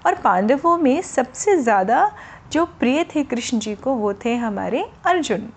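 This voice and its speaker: A woman telling a story to children in a gentle manner, explaining words simply as she goes. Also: high-pitched, expressive, unhurried, breathy edge.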